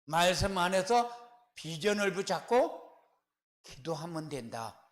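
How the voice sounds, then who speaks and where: A man preaching a sermon as pastor, asking rhetorical questions and answering them with firm, repeated refrains, swelling louder on key words. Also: sits high, big pitch swings, a little slow, echoey room. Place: church sanctuary.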